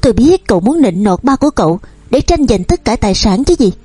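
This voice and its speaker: A spiteful stepmother who is cold and cutting, played by a woman. Her lines rise higher than the narration. The voice is husky and the recording is dry. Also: very animated, a little fast, dry recording, soft background music. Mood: angry. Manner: sharp, cold, shouting. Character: bitter, spiteful middle-aged stepmother.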